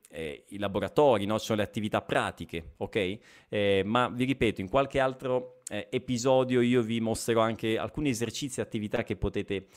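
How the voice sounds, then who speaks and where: A man's voice: medium pitch, clear, resonant tone. A man teaching a live online language lesson, who keeps asking "ok?" and repeats phrases so students can follow. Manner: checks in with frequent "ok?" and repeats phrases.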